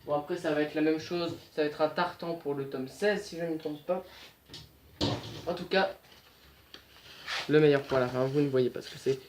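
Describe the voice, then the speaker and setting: A man's voice: a little high, steady tone, moderate pace, pauses often, a little hiss or hum. A young man talking casually through an unboxing, chatty and self-correcting, muttering to himself as he handles things. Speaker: unboxing vlogger.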